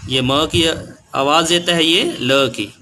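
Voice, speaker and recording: A man teaching an Urdu lesson to young children, speaking slowly and patiently and repeating each word. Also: a little high, bright, forceful tone, a little hiss or hum. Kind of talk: slow classroom lesson.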